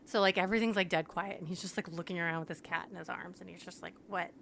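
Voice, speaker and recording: A woman's voice: on the low side, very fast, creaky, a little hiss or hum. Chatty young woman retelling a story. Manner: animated retelling, filled with "like". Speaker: podcast co-host. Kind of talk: casual book recap chat.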